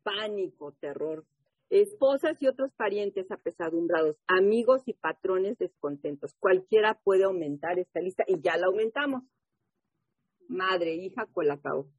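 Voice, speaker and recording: A woman speaking at a recovery group meeting, giving her testimony and reading aloud, animated and often asking the listeners questions. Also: mid-range voice, measured pace, breathy edge, dry recording. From Mexico. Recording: muffled phone-like audio.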